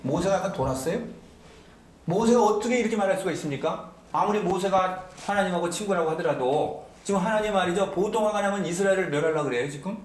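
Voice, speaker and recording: A man's voice: sits high, fast talker, roomy sound. A man preaching a sermon as pastor, emphatic and often asking the congregation questions. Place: church sanctuary.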